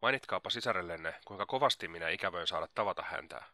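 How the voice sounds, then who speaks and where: A man reading as a gushing, flattering young lady. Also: sits low, no room sound, studio quality, exaggerated voice. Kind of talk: audiobook character reading.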